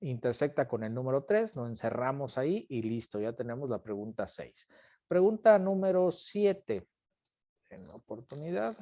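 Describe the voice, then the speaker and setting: Patient man leading an online class, mellow dry voice, repeats himself. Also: mid-range voice, very animated, moderate pace, no room sound. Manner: patient, repeats questions and calls on students by name. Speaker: instructor.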